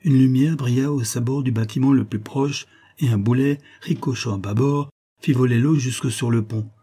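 Husky male audiobook narrator. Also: mid-range voice, normal speed. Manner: even, storytelling.

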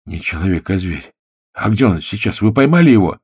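A man's voice: low-pitched, very animated, brisk, a little mellow, breathy edge, no echo, clean studio sound, heavily acted. A man voicing a shaken older father who mutters in a trembling voice.

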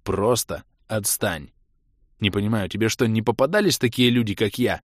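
A man's voice: fairly low pitch, moderate pace, dry recording, close to an everyday voice. A man voicing a blunt, defiant young male hero in a dry, close recording.

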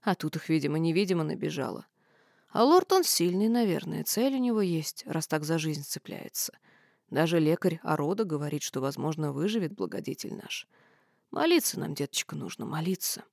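Woman doing old servant woman for audiobook, folksy and fussing, low mellow tone. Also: sing-song, fairly quick, creaky, no echo, studio quality, heavily acted.

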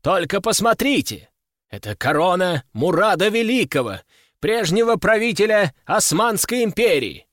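A grinning auctioneer shouts out each lot with showy delight, as a male narrator puts him on. His voice rides high and swoops widely through every announcement. The recording is close and dry. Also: big pitch swings, moderate pace, no room sound.

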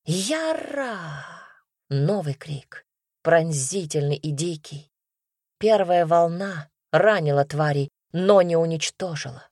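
A woman's voice: low voice, measured pace, a little mellow, no room sound, clean studio sound. Woman narrating a fantasy audiobook.

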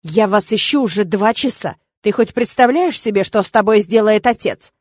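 A woman voicing a proud young lord's son who shouts and scolds. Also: medium pitch, expressive, moderate pace, no echo, natural voice. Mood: scolding.

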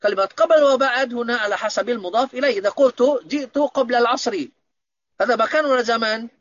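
A man's voice: very high-pitched, racing, a bit bright, no echo, lo-fi sound. A man teaching Arabic grammar in an online lesson, patiently explaining and checking that students understand.

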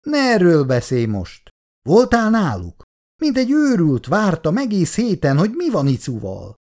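Reader putting on a young man, lovesick, pushy questions, lively mellow voice, storybook. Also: sits high, pitched above the performer's own voice, full character voice. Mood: pressing. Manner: eager, pressing.

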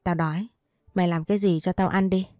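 Storybook sister-in-law, scornful and demanding, read by a woman, dark low tone. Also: fairly even intonation, fairly quick, dry recording, clean studio sound, natural voice. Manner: blunt, insulting, bossy.

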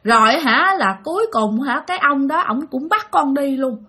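Brief: a pleading ghost of a drowned little boy, put on by a woman with a Southern Vietnamese accent, high and whiny. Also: expressive, moderate pace, bright, forceful tone. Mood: plaintive. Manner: plaintive, complaining.

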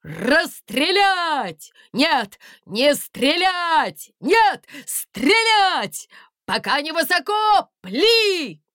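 A woman's voice: sits high, very animated, very slow, bright, forceful tone, dry recording, studio quality, pitched above the performer's own voice, exaggerated voice. A woman doing a blustering, barking guard chief. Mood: flustered. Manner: barking orders.

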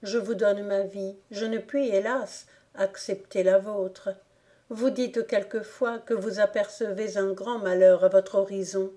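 A woman reading the lines of a grave, dignified young woman, earnest and measured. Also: medium pitch, fairly even intonation, mellow, close to an everyday voice. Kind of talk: audiobook character reading.

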